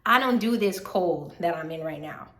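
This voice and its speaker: A young woman talks through a casual vlog update with an animated, repetitive storytelling style. Her voice sits a little low and sounds slightly hoarse. The room around her is noticeably echoey. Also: moderate pace. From Southern United States. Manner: chatty, animated storytelling, repeats phrases for emphasis. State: slightly hoarse from recent illness. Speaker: third-year medical student vlogger.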